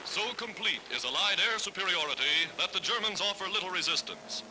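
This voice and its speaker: A man's voice: sits high, expressive, a little fast, background noise. A man narrating an old wartime newsreel in a dramatic, rousing delivery. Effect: old newsreel sound. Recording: old newsreel with music behind.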